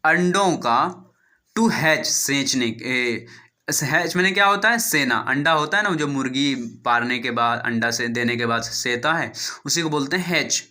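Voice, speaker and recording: A man's voice: mid-range voice, sharp tone. A man with an Indian accent teaching English, reading a story line by line, translating each phrase, spelling out words and asking and answering his own questions.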